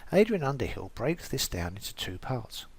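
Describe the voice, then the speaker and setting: A man, an English teacher, reading a prepared explanation as scripted narration in a careful, even way. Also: mid-range voice, normal speed, creaky, slightly rough.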